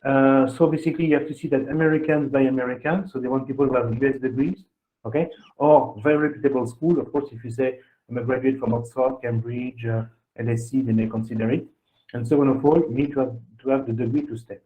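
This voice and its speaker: A man's voice: medium pitch, fairly even intonation, fast. A man talks through admissions advice on a webinar, wandering off on tangents and tossing in "okay?" and "huh?" between points. His voice sits in a middle register. The call audio is thin and phone-like. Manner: rambling, checks in with "okay?" and "huh?". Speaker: admissions consultant hosting a webinar. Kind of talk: webinar explanation. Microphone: video call.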